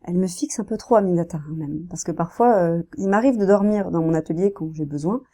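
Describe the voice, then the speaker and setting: Soft-spoken mellow-voiced French-speaking woman. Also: lowish voice, a little fast. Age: 30s. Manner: soft-spoken, hesitant, many fillers and restarts. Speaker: painter. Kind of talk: casual interview talk.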